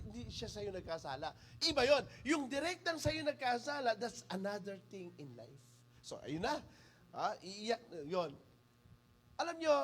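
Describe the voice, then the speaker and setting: Filipino man, pastor preaching a lively sermon, high and animated voice, teases the congregation. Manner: lively, teasing, calls on listeners by name. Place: church.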